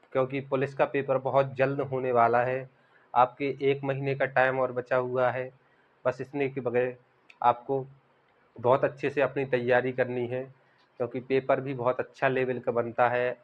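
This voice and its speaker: A young man teaching an online exam-prep grammar lesson. He repeats key words and keeps asking the class rhetorical questions. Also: medium pitch. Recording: dull lo-fi recording.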